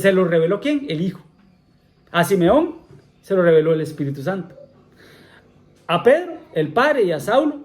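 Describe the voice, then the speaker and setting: A man's voice: sits high, darkish tone. A man preaching a sermon in a church, often repeating himself, asking the congregation questions and saying amén between points. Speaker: pastor.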